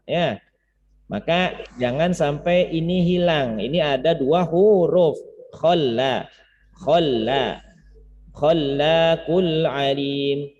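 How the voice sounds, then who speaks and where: A man's voice: mid-range voice, darkish tone. A man teaching Quran recitation informally in an online class, explaining and repeating words and syllables to demonstrate, in muffled, reverberant audio. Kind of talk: informal lesson with chanted demonstrations. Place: online class over Zoom, reverberant sound.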